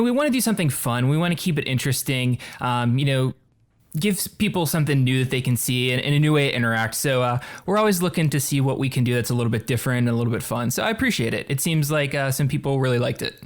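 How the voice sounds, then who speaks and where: A man's voice: mid-range voice, expressive, fast. A man chatting casually as a podcast co-host in a friendly, easygoing way.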